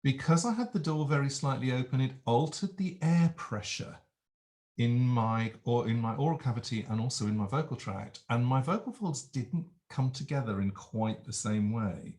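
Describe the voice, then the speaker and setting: Vocal coach, male, mid-pitched, patient explainer walking through demos. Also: moderate pace, darkish tone. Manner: explanatory, demonstrates sounds with nose pinch. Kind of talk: vocal demonstration lesson.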